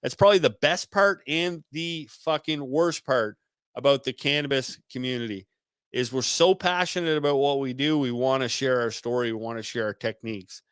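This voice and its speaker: A man's voice: mid-range voice, normal speed, fairly bright tone, smooth, no room sound, studio quality. A man hosting a live call-in stream, reading viewer comments aloud and answering in a laid-back way, swearing freely and saying "man" a lot. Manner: repeats words as he restarts.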